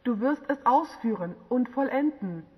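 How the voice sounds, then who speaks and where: A woman reading the lines of a remorseful male king in an audiobook, in a soft, contrite manner. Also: on the high side, lively intonation, moderate pace, slightly rough, pitched above the performer's own voice. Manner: contrite, soft read-aloud dialogue. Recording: dull lo-fi with long reverb.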